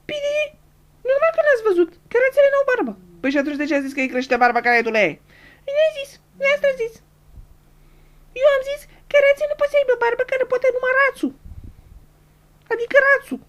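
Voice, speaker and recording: A woman's voice: extremely high pitch, expressive, pauses often. A woman playing a giddy, tearful young reality-show winner who stutters, repeats syllables and keeps losing her words. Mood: whiny, tearful. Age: young adult. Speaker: interviewee. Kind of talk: comedic sketch acting.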